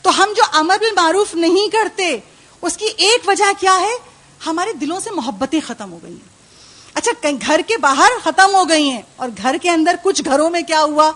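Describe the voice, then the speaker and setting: A woman's voice: very high voice, expressive, a bit bright. A woman speaking at a religious gathering, giving an impassioned sermon full of rhetorical questions and acted-out voices. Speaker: female religious speaker (zakira) at a majlis. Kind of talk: Muharram majlis sermon.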